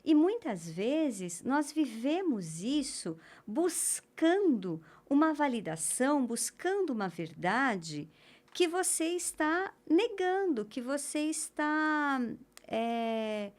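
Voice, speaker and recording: Woman guest, slow and reflective, fairly high voice. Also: sing-song. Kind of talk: casual chat.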